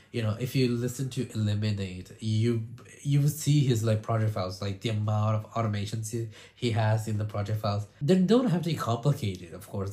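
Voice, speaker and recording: A man's voice: fairly low pitch, darkish tone. A man with a cold and a congested voice, talking through sound design tips in a loose, rambling way with lots of "you know" and restarts. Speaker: music producer and video host. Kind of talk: casual sound design tutorial.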